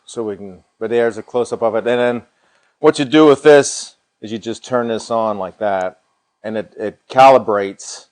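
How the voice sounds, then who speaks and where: Speaking at a moderate pace with a medium-pitched voice, a middle-aged American man runs a paranormal livestream. His style is casual and folksy, and he repeats himself as he demonstrates a product.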